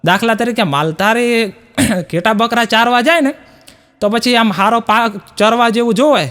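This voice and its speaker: A man with a Gujarati accent performs stand-up comedy in a very high voice. He spins folksy village jokes and plays out each exchange with a playful touch. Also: moderate pace, fairly bright tone. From Gujarat, India. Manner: playful, folksy storytelling with acted dialogue.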